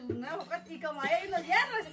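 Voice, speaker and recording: A woman's voice: very high-pitched, very animated, very fast, a crowd in the background. A woman telling her own story in a rambling, breathless way, full of broken restarts. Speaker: woman telling of being beaten. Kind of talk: emotional first-person account.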